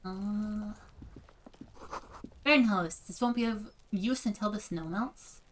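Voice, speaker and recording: A woman's voice: medium pitch, takes it slowly, slight background noise. A young woman streaming a game, playfully chatting and reading game text aloud with frequent giggles. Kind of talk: game playthrough with commentary.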